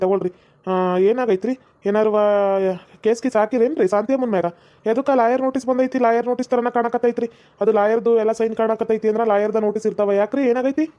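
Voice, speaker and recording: A woman's voice: fairly high pitch, fairly even intonation, quick pace, mellow, natural voice. A woman playing a chatty, nosy male village postman in a comedy sketch. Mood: teasing. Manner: nosy, teasing banter. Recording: slightly dull lo-fi recording.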